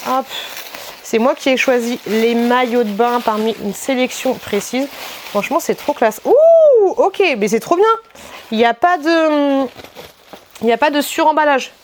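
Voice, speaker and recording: A woman's voice: on the high side, moderate pace, slight background noise. A woman hosting a casual try-on vlog, chatting in a rambling way with lots of fillers and restarts, and sometimes talking to her child off camera. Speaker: vlogger showing a try-on haul.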